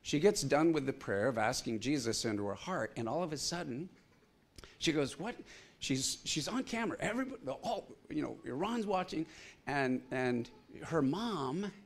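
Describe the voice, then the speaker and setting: A man preaching a sermon, telling a story with animated, acted-out quotes. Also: fairly high pitch, normal speed. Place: church.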